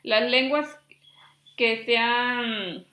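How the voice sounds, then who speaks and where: Woman teacher from Chiapas, Mexico, slow deliberate pace, bright tone, echoey room. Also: a little high. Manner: reads lists slowly, checks in with "¿sí?". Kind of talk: classroom lesson.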